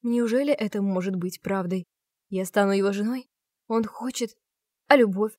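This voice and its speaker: Female audiobook narrator, mid-pitched, dramatic first-person romance read, dry recording. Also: normal speed, mellow, no room sound.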